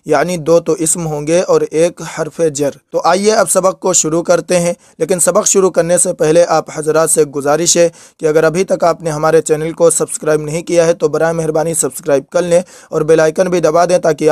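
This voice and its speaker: Male teacher, fairly high voice, slow repeated examples, dry close sound. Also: darkish tone, no room sound. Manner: repeats each example slowly. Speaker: Arabic teacher. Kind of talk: lesson.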